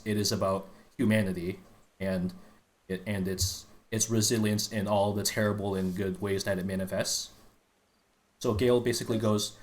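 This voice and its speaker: A man chatting casually on a live stream, earnestly explaining game lore to friends in a rambling way, with many restarts and fillers. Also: on the low side.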